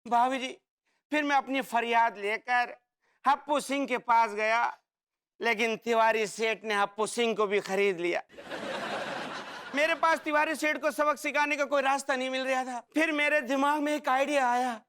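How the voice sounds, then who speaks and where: A man's voice: extremely high pitch, steady tone, normal speed, sharp tone, clean tone. An actor playing a loyal, dramatic young male servant, melodramatic and pleading. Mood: confessing. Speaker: sitcom character. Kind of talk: sitcom acting.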